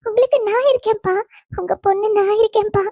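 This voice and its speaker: A devoted young daughter in a cartoon, real high voice, kinda soft and mellow, dry sound. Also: female voice, quick pace, no echo. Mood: tearful. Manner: earnest, speaks with resolve. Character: dutiful young woman devoted to her father. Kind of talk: cartoon voice acting.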